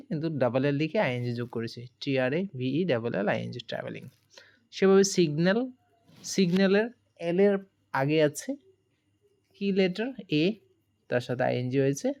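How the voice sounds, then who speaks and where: A woman's voice: deep voice, expressive, normal speed, creaky, pauses often, a little mellow. A woman teaching a grammar lesson, explaining each rule step by step, spelling words letter by letter and asking her students questions as she goes.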